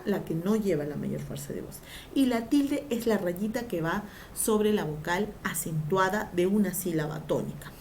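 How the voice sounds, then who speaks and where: Animated woman teaching a grammar lesson. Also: mid-range voice, slight background noise. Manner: animated, stresses syllables by drawing them out; asks pupils questions and answers them herself.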